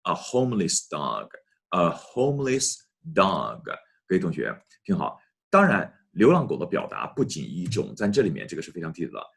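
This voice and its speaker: A man with a very low, husky voice teaches English. His pitch moves a lot as he talks to his students. He slows down to repeat phrases clearly. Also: huge pitch swings, a bit bright. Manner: repeats phrases slowly, addresses students often. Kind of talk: online English lesson.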